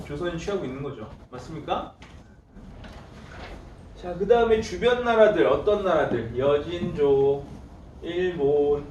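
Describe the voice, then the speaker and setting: A man teaching history to a class, putting questions to the students and answering them himself in a playful, teasing way. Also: sits high. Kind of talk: classroom lecture. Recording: roomy classroom from far off, faint noise.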